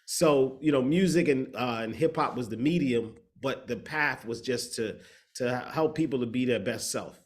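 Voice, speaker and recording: A man from the Bahamas who works as a matchmaker and speaker recounts his story during a video-call interview. He speaks at a moderate pace in a mid-range voice, steady and reflective, occasionally hunting for words.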